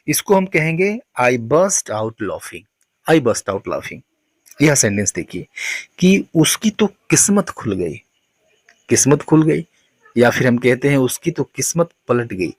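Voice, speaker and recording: A man teaching spoken English, saying each model sentence slowly and deliberately. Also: a little high, dry recording.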